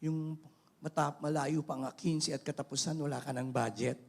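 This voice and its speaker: A middle-aged man with a Filipino accent, preaching a sermon in an animated way, mixing in English phrases. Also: fairly high pitch, normal speed, vocal fry, breathy edge. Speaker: pastor.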